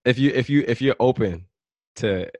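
A man's voice: medium pitch, expressive, moderate pace, mellow, dry recording, lo-fi sound. A man in his twenties hosting a podcast, talking earnestly and often repeating words as he interviews a guest. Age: 20s. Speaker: podcast host. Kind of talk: casual interview.

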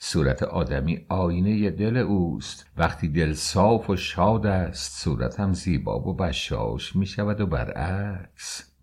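A male audiobook narrator with a deep, low-pitched voice. He reads in a measured, unhurried way, and his tone is husky. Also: lively intonation, a little mellow. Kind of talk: scripted narration.

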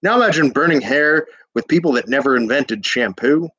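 A man's voice: mid-range voice, animated, brisk, a bit bright, dry recording, highs cut off. A drunk young man retelling an old epic in a rambling, slangy way, with hiccups and lots of fillers. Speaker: drunk storyteller.

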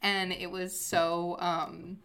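A young woman co-hosting a casual podcast, rambling with enthusiasm and poking fun at herself. Her voice sits on the lower side but sounds bright and forward. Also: little pitch movement, drawn-out words, smooth. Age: young adult. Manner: enthusiastic, rambling, self-deprecating. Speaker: podcast co-host. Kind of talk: casual chat.

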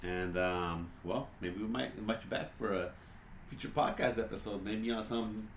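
A man hosting a relaxed podcast, speaking with a somewhat low voice. He talks in a loose, reflective way and keeps filling gaps with "you know". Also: normal speed, a little hiss or hum. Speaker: podcast host. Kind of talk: casual podcast chat.

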